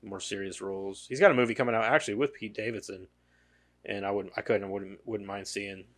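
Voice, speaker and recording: A man co-hosting a movie podcast, chatting casually in a relaxed, hedging way with some swearing. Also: on the low side, brisk. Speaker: podcast co-host.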